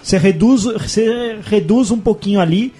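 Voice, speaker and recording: Male podcast host, Brazilian Portuguese accent, blunt and slangy, high husky voice. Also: normal speed, warm tone. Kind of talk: casual chat.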